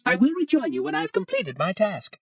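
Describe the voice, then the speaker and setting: 343 Guilty Spark, high-pitched fussy robot monitor. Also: male voice, wildly swooping pitch, a little fast, fairly bright tone, distant mic, exaggerated voice. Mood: polite, brisk. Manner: formal, precise, pedantic, polite, oddly cheery. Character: prim, fussy, cheerful male-voiced robot monitor, ancient and obsessive. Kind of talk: video game character acting.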